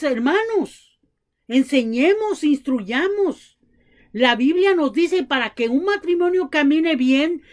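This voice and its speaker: Woman preacher, high voice, tells lively family stories in her sermon. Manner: addresses the congregation as brothers, acts out family dialogue.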